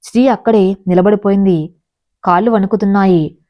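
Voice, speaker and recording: A woman narrating a scripted audio story in a slow, measured, emotional way. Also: mid-range voice, fairly even intonation. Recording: dull lo-fi recording.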